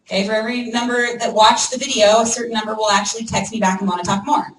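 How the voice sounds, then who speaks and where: A woman giving a lively training talk to a room of people, checking in constantly with "okay?" and "right?". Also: fairly high pitch, fast talker, noisy background. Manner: energetic, acts out prospects' voices, frequent "okay?" and "right?". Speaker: network marketing trainer. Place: meeting room with an audience. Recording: echoey room, mic from far off.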